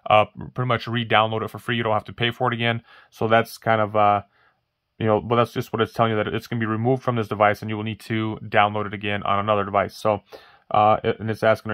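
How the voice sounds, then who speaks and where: In a clean studio recording with no echo, a man with a lowish, slightly bright voice hosts a casual phone tutorial. He rambles through the steps with lots of fillers and restarts. It's a voice-over for a hands-only demo of a phone on a wooden table indoors.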